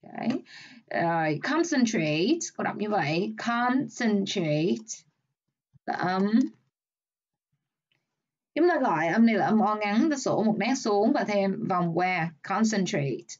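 A woman with a Vietnamese accent, teaching an English exam review lesson, explaining step by step and reading English examples slowly. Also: mid-range voice, expressive, lo-fi sound.

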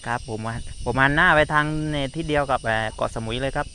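A man's voice: medium pitch, quick pace, pushed and bright. A man speaking politely and formally over a walkie talkie as an amateur radio operator. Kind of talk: polite two-way radio exchange. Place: outdoors on high ground. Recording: clear background noise, outdoor ambience.

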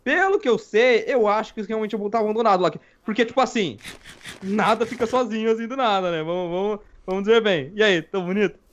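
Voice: medium pitch, quick pace, lo-fi sound. A gamer playing Minecraft with a friend, insistent and shrieking in panic. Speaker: gaming partner. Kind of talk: excited Minecraft let's play chat.

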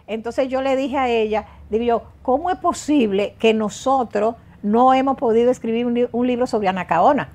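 A woman's voice: fairly high pitch, normal speed, few pauses, dark tone. An older woman from the Dominican Republic, a guest in a TV studio interview, speaking emphatically with frequent restarts and repeats. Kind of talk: casual interview talk. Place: TV studio set.

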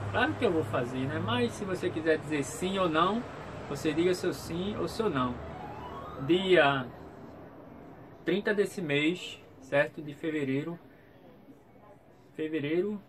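Guy w vlogging in a small room, kinda high voice, repeats himself, some background noise. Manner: hesitant, repeats himself, frequent checking tags. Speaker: YouTube channel host. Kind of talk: casual vlog update to viewers. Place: small room at home, indoors.

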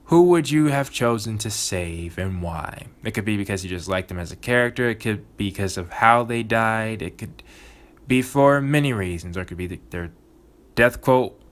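A man's voice: on the low side, animated, normal speed. A man hosting a gaming channel, talking earnestly and reflectively about his playthrough in casual commentary. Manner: earnest, reflective, thinking aloud.

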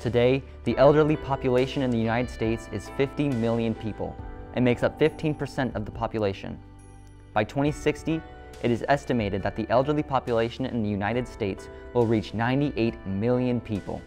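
A man reading a scripted documentary narration in a measured, serious way. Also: medium pitch, darkish tone, soft background music.

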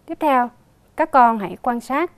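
Southern vietnamese woman teacher, slow and crisp, kinda high voice, dry close sound. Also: animated, no echo. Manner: spells out sounds with emphatic, drawn-out repetition. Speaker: primary school teacher. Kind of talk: slow, clearly enunciated reading lesson for young children. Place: recorded for a TV lesson.

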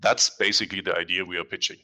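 This deep-voiced German man, bright in tone and fairly even in intonation, gives a casual product demo as a presenter at an online meetup. He talks into a headset from a dim room in front of a large screen, conversationally, with lots of "um" pauses and self-corrections.

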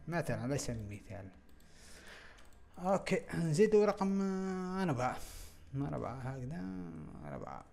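Young Algerian male tutorial host, gravelly voice, halting think-aloud delivery, faint hiss. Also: mid-range voice, a little mellow. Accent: Algerian Arabic. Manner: thinking aloud, halting, mutters to himself while working. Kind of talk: screen-recorded software walkthrough.

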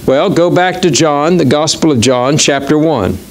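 A man preaching a sermon as pastor, reading scripture quickly and slowing down to stress key words. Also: a little high, slight background noise. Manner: reads verses quickly, then slows to stress key words. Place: church.

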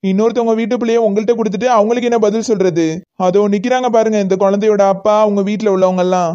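A woman's voice: mid-range voice, fairly even intonation, racing, warm tone, muffled recording, close to an everyday voice. A woman with a Kanyakumari Tamil accent voicing a harried, matter-of-fact hospital doctor in a cartoon. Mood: firm. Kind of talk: cartoon voice acting.

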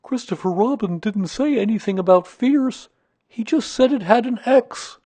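A man's voice: high-pitched, lively intonation, normal speed, warm tone, breathy edge, no echo, voice pushed up. A man voicing a naive, eager, kindly toy bear in a children's storybook reading, with simple, bouncy delivery. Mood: excited.

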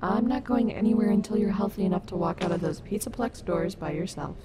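A woman's voice: medium pitch, a little fast, lightly acted. A woman playing a caring, sassy robot wolf animatronic in an ASMR audio roleplay, soothing and reassuring with a wry streak. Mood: comforting, wry. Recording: noticeable background noise.

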